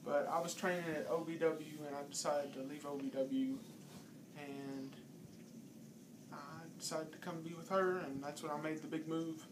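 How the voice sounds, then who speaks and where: A man's voice: fairly high pitch, steady tone, moderate pace. A man in his twenties chatting casually beside his girlfriend for her vlog, laid-back and chiming in with short remarks. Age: 20s. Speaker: boyfriend. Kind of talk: casual chat. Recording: noisy home video.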